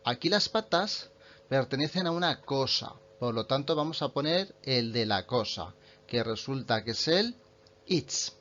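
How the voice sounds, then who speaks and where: A man, a native Spanish speaker, explaining English grammar in an online lesson and slowing right down to read example sentences. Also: mid-range voice, animated, a bit bright, dull audio, slight background noise. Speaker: English teacher.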